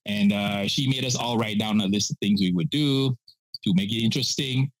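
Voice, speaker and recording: A man in his sixties from Penang, Malaysia, a pitmaster, is a chatty storyteller on a casual podcast interview, using lots of "uh" fillers and laughing often. He speaks at a moderate pace in a lowish voice, recorded without echo but at low quality.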